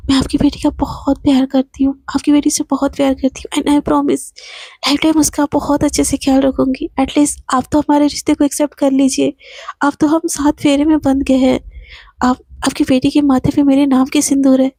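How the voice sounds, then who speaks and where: Bold, teasing young bride, playful and firm, told by a woman in her own high, mellow voice. Storybook telling. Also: little pitch movement, a little fast, dry recording, clean studio sound. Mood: pleading. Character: young woman, bold loving bride who teases and defies.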